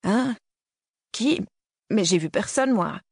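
A man's voice: high voice, animated, takes it slowly, creaky, slightly rough, no echo, studio quality, voice pushed up, exaggerated voice. A man reading an audiobook voices a nervous, slangy nineteen-year-old hiker who is half stoned. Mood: defensive. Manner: slangy, defensive, mumbling.

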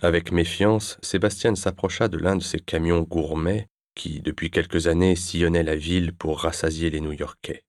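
A male audiobook narrator with a very deep, low voice. He reads in a measured, even storytelling manner. The sound is close and dry, with no room around it. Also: dry recording. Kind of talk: scripted narration.

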